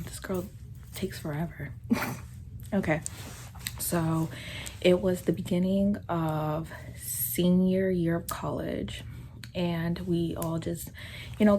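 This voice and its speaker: A woman's voice: fairly low pitch, a little mellow, a little hiss or hum. A woman in her twenties casually telling a chatty, giggly story straight to her viewers. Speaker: storytime vlogger.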